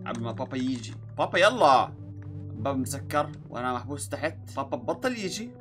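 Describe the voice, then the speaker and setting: Animated, playful young male gamer. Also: mid-range voice, fast, soft background music. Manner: playful, dramatic, jokes about being scared. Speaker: gaming YouTuber. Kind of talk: let's play commentary.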